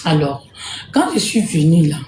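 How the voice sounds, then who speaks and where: A woman from Congo hosting a casual live stream to sell jerseys, speaking softly and repeating herself. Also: low-pitched, lively intonation, moderate pace, roomy sound, slight background noise. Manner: soft-spoken, repeats herself. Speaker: livestream host selling jerseys. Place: home room, indoors.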